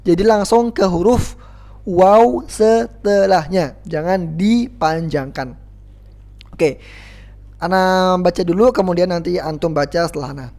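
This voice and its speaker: A Quran recitation teacher giving a tajwid lesson, patiently explaining pronunciation in casual classroom talk and chanting verses slowly for students to repeat. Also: medium pitch, darkish tone. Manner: calls self 'Ana' and students 'antum', Arabic-flavored classroom talk.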